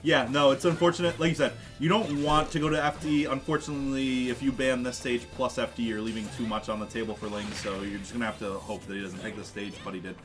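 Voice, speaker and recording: A man's voice: medium pitch, level tone, fast, few pauses, over music. A man co-commentating gaming matches in a casual, teasing manner. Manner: teasing, laughs often. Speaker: esports co-commentator.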